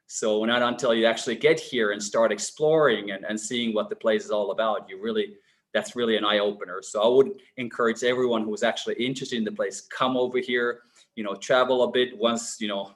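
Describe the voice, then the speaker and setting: A man's voice: lowish voice, a bit bright. A man from Finland who heads a business incubator talks on an online panel. He speaks fluently and with enthusiasm. He is on a video call. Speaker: head of a business incubation center. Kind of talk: answering on a webinar panel.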